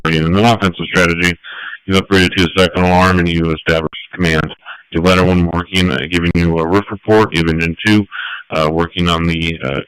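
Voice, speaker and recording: A man's voice: deep voice, little pitch movement, a little fast, a bit bright, clean tone, no echo, rough recording. A man speaking as a fire battalion chief on the radio, giving a procedural command briefing and searching for words as he goes.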